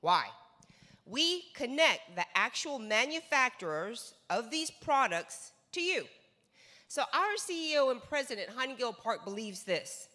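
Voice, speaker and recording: With long hall reverb around her, a woman in her forties with a North American accent gives a forceful sales lecture from a large stage, handheld mic in hand. Her voice is on the high side and bright, with big pitch swings at a measured pace, and as a business seminar speaker she repeats words for stress and asks rhetorical questions.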